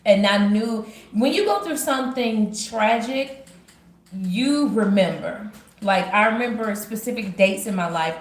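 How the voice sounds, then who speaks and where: A woman's voice: mid-range voice, expressive, unhurried. A woman from Georgia with a Southern accent, chatting to viewers in a casual devotional vlog. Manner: chatty, talks straight to viewers. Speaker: vlogger. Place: at home. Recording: roomy home recording.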